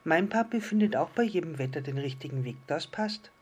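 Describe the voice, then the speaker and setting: A man voicing a curious, eager little star child in a storybook reading, full of excited questions. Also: fairly high pitch, brisk, breathy edge, pitched above the performer's own voice.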